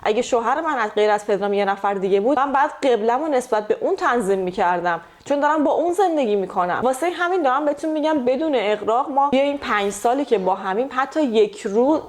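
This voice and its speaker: A woman's voice: a little high, hardly any pauses. A woman in her thirties from Iran, speaking with an Iranian Persian accent, chatting casually as a vlogger co-host and acting out the exchanges she recalls. She talks indoors at home. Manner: lively storyteller acting out quoted exchanges. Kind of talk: casual couple Q&A chat. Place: home, indoors, living in Australia.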